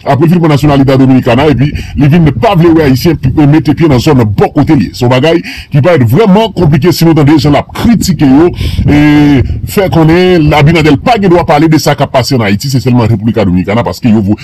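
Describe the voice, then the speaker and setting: A man giving rambling, halting commentary on a news clip for his audience. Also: fairly high pitch, mellow, a little hiss or hum, poor audio. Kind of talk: commentary to camera.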